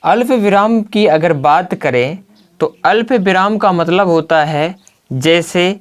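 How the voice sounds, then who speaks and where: A man teaching a grammar lesson at a blackboard. He often poses a key word as a question and then answers it himself. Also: fairly high pitch. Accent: Hindi. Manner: slow and deliberate, spelling out examples.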